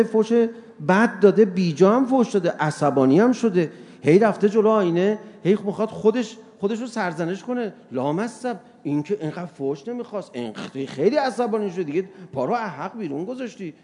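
A man giving a sermon to an audience, animated, acting out little dialogues with mocking humor. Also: high voice. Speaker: religious lecturer.

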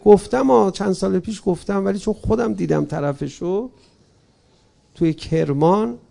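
A male preacher telling a mourning story in a sermon, fervent, swinging from loud pleading to hushed lines. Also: high voice, vocal fry.

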